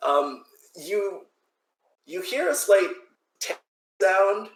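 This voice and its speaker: A man's voice: high-pitched, lively intonation, extremely slow, reverberant, slight background noise, low-quality recording. A man narrating as game master of a tabletop game, rambling loosely with many restarts.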